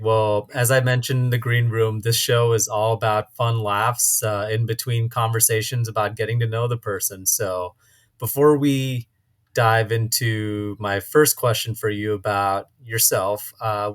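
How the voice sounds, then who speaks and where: A man hosting a podcast, upbeat and casual, asking playful quick-fire questions. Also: lowish voice, steady tone. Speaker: podcast host.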